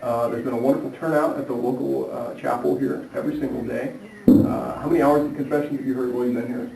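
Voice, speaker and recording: A man's voice: mid-range voice, fairly even intonation, fast talker, gravelly, dark tone. A man hosting a casual travel vlog, talking hesitantly with many fillers and restarts. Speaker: vlog host. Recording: echoey room, distant mic, faint noise.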